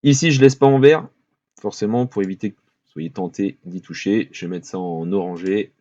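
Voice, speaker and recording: A man, walking viewers through a spreadsheet in a relaxed screen-recorded tutorial, thinking aloud with fillers and small apologies. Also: low voice, moderate pace, no room sound. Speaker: finance tutorial host. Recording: dull lo-fi voice-over with keyboard clicks.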